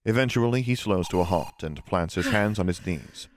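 A man narrating the scene directions of an audio drama in a plain, measured reading. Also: low-pitched, animated, a little hiss or hum. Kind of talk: scripted narration of stage directions.

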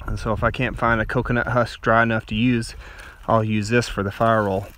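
Working on a beach with sand dunes around him, a Texan man in his forties handles his gear and plainly explains each survival step for his vlog. His voice is fairly low and a bit bright, with little pitch movement, and he talks briskly over slight background noise.

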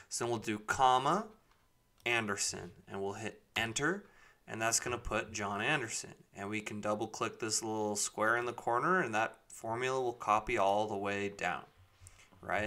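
A man with a slightly low voice presents a screen-recorded software tutorial. He talks informally and walks through each step, thinking aloud as he works.

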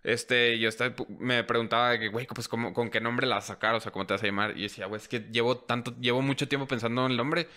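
A young man in his twenties with a Mexican Spanish accent, a podcast guest telling stories in a relaxed, slangy way. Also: medium pitch, fast talker, hardly any pauses. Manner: relaxed storytelling, slangy, laughs easily. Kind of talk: casual chat.

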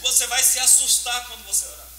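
A male pastor preaching a fervent, emotional sermon, swinging between loud outbursts and soft, hushed passages. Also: very high-pitched, fast. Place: church sanctuary. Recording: roomy church echo, faint hiss.

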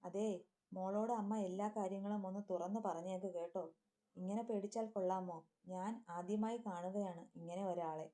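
A woman's voice: mid-range voice, steady tone, mellow, close to an everyday voice. A woman voicing a strict female hospital nurse who scolds a frightened patient. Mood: scolding. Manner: scolding, brisk.

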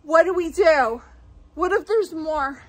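A woman's voice: very high voice, slow, a bit bright. A woman vlogging at home in a frightened, panicky way, repeating herself, gasping and laughing nervously. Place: house interior.

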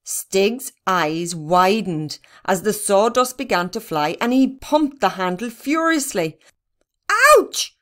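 A woman narrating a children's storybook in a steady, even reading. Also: mid-range voice, takes it slowly, hardly any pauses. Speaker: reader.

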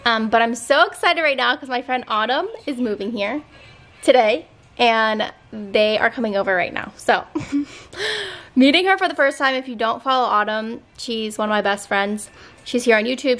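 Bubbly and heavy on fillers, a young stay-at-home mom chats to camera from her family home for a casual vlog. Her voice leans high, with a fairly bright tone.

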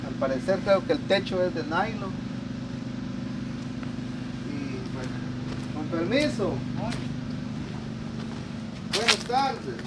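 The host of a charity channel, a Guatemalan man in his thirties, narrates and interviews casually in a rural yard beneath trees, with traffic audible in the outdoor recording. Earnest and fond of religious phrases, he addresses viewers directly in a high, lively voice, speaking slowly with frequent pauses.

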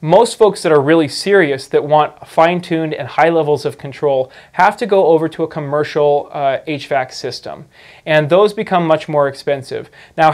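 Talking to camera in a studio through a lapel mic, this indoor farming educator, a man in his thirties, keeps it conversational, restarting often and using plenty of fillers. His voice sits a little high.

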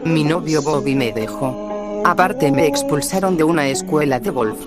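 A man's voice: fairly high pitch, moderate pace, loud music behind the voice, pitched above the performer's own voice, natural voice. A man playing a sad, hesitant, heartbroken teenage girl in an amateur horror fan story.

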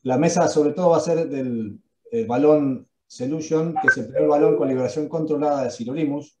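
A man's voice: a little high, moderate pace, slight background noise. A man moderating a webinar panel, introducing speakers in a friendly way. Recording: echoey, dull video call audio.

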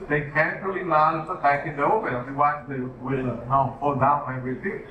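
A man explaining a glassblowing demonstration in a workshop, in halting sentences with many fillers. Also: fairly high pitch, fairly even intonation, narrow, tinny audio, crowd noise. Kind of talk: live demonstration commentary. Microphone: far camera. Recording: roomy, distant workshop sound. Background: music.

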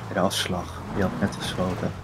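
A man's voice: deep voice, little pitch movement, brisk, vocal fry, background noise. A man giving short, matter-of-fact reports to his team during an online role-play game. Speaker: fellow role-player. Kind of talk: in-game radio chat.

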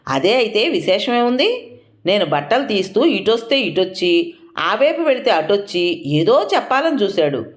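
A woman's voice: mid-range voice, moderate pace, lightly acted. A woman voicing a playful, teasing young woman who is a daughter in the story. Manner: lively and teasing.

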